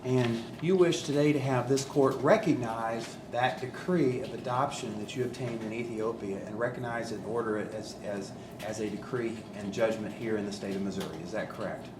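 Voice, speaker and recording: A male attorney asking witnesses measured, formal yes-or-no questions in a courtroom recording. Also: mid-range voice, steady tone. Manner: measured, procedural, asks leading yes-or-no questions. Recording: echoey courtroom with background noise.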